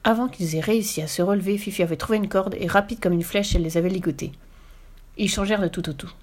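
Woman storyteller, mid pitch, reading a children's tale aloud with expression. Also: fast, darkish tone.

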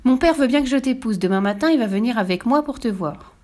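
A woman's voice: fairly high pitch, expressive, fast talker, darkish tone, voice pushed up, lightly acted. A woman voicing an earnest, eager young prince in a read-aloud storybook, sometimes indignant. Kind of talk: storybook reading.

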